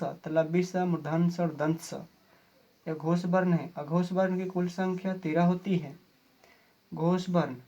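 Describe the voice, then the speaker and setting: Slow, patient male grammar teacher. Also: high-pitched, mellow, highs cut off. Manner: slow, repeats each definition. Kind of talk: grammar lesson.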